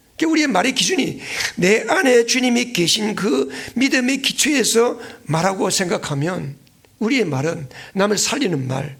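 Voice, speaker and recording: A man preaching from the pulpit in a high, gravelly voice. He presses his points by repeating phrases and keeps throwing questions to his congregation. Earnest and direct throughout. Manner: keeps asking the congregation questions and prompting replies. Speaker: pastor. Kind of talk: sermon.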